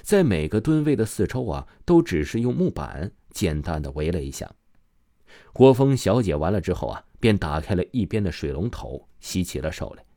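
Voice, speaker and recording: Deep-voiced man narrating true crime, very animated pitch. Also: dry recording, studio quality. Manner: dramatic storyteller phrasing with drawn-out sentence particles.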